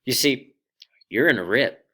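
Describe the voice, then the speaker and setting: A man's voice: medium pitch, animated, measured pace, sharp tone, pitched above the performer's own voice. A man voicing a laid-back young male surfer who talks in easygoing, drawling slang.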